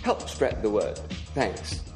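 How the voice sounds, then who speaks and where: Over background music, a Singaporean-accented man with a lowish voice narrates an audio tour for his podcast, speaking slowly yet very animated. His tone is earnest and instructive, with occasional "uh" fillers.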